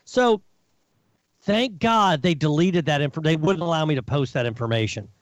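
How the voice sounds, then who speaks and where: Podcast regular, a higher-voiced man, worked-up storyteller, dry close sound. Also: normal speed, no echo, rough recording. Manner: animated, indignant storytelling with swearing. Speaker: regular guest of the show. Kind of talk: casual podcast chat.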